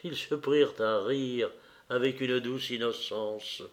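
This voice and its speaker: A man narrating a classic novel in a slow, measured reading. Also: medium pitch. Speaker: audiobook narrator. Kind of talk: literary narration.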